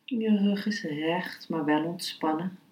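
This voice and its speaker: A woman speaking as a meditation and philosophy teacher, calm, unhurried and instructive. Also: fairly low pitch. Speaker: yoga philosophy and meditation teacher, podcast host. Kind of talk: spoken lesson, then slow guided meditation. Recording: roomy, echoing sound.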